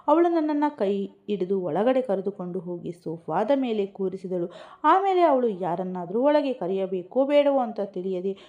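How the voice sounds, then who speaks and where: A woman narrating a suspense story in the first person, with a steady, dramatic reading. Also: medium pitch. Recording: muffled lo-fi recording.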